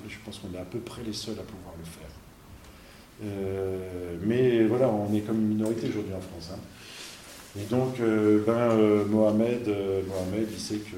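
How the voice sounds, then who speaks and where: A man's voice: fairly low pitch, mellow, reverberant, slight background noise. A man, a parish priest, giving an informal talk to an audience, conversational and emphatic, full of fillers and restarts.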